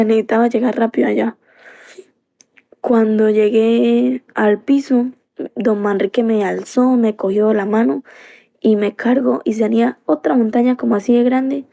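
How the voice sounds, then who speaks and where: Woman, mellow dark tone, monotone delivery, earnest live-stream storytelling, lots of fillers. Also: fairly high pitch, creaky. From Colombia. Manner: earnest, circling back with many fillers.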